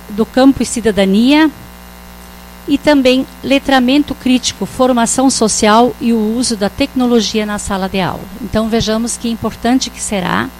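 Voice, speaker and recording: A woman with a Brazilian accent, a city councillor giving a formal speech in a council session, often pausing to find her words. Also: on the high side, slight background noise, rough recording. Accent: Brazilian Portuguese. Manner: formal, halting, with frequent pauses to find words. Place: municipal council chamber.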